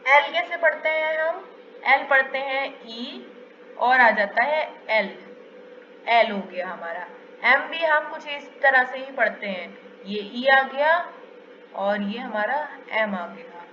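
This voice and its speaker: A woman's voice: high voice, animated, slow, sharp tone, a little hiss or hum. A woman teaching a pronunciation lesson, asking questions and answering them herself, repeating the key points. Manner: asks and answers her own questions; repeats key phrases for emphasis. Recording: echoey, dull lo-fi room recording.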